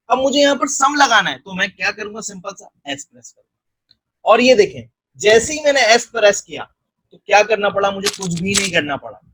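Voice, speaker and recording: A man with a husky voice, walking through a spreadsheet tutorial step by step and checking in often. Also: high voice, sharp tone, no room sound, rough recording. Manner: step-by-step, frequent check-ins. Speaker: software tutor. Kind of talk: screen-recorded tutorial narration.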